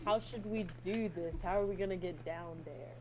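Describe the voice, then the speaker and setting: Woman player, lowish voice, kinda unsure, laughs a lot. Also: normal speed, over a noisy crowd. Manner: hesitant, laughing easily. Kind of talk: casual tabletop play.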